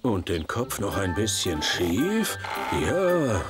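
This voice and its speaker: A man voicing an excitable, easily flustered male gardener in an animated cartoon. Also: fairly low pitch, slow. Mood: absorbed, friendly. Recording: loud music behind the voice.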